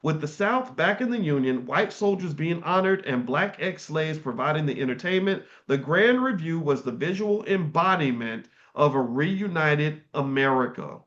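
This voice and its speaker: A middle-aged man reads from a history book at a moderate pace with hardly any pauses, breaking in with casual comments. His voice is fairly high, animated, and a bit bright, and the recording sounds dull and slightly lo-fi.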